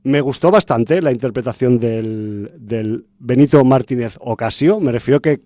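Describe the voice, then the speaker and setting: A man's voice: mid-range voice, normal speed, warm tone, no room sound, clean studio sound. A man from chatting casually about a film's cast as a podcast host, full of fillers and restarts. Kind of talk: casual film review chat.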